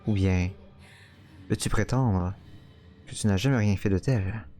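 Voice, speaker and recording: A man reading out a cruel, mocking male inner voice in a visual novel, taunting slowly and coldly. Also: lowish voice, dark tone, soft background music, natural voice.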